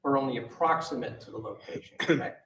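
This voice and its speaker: A man questioning a witness in court, halting and full of uhs and restarts. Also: mid-range voice, creaky, fairly bright tone. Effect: courtroom recording. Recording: echoey courtroom audio from a distant mic with faint noise.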